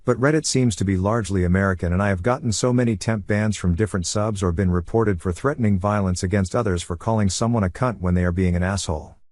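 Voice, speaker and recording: A man reading online forum comments aloud in an even, matter-of-fact way as the narrator of a compilation. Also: lowish voice, dry recording, studio quality.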